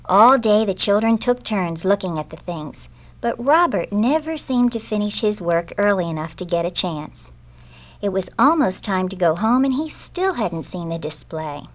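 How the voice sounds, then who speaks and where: Woman, storyteller, expressive, gentle children's story reading, mid-pitched. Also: moderate pace.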